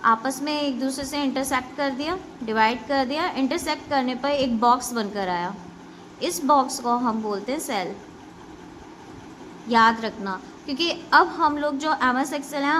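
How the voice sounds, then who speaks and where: Brief: female schoolteacher, high voice, patient and repetitive, explains basics to kids and keeps checking they follow. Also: a bit bright, slight background noise. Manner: addresses pupils directly with instructions. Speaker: school computer teacher. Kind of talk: classroom lesson explaining basics to children.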